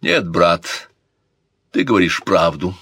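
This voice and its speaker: A man's voice: fairly low pitch, unhurried, fairly bright tone, husky, no echo. A man voicing a stern, proud princess who speaks in a cold, icy and commanding way. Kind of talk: audiobook character voice.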